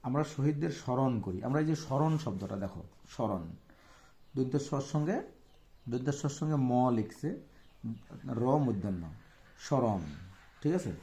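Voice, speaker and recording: A man with a Bangladeshi accent leads a primary-school reading lesson, breaking each word into its letters and checking in with the class as he goes. His voice is mellow and warm rather than bright, pitched at an ordinary middle for a man. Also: animated, a little fast. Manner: patient, spells words out letter by letter, often asks "right?". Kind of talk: online reading lesson for children.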